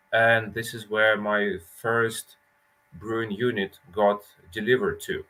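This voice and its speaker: A man's voice: lowish voice, a bit bright, low-quality recording. A man from Lithuania, a brewery founder, chatting casually and telling his story with self-mocking jokes over a call mic. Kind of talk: casual chat.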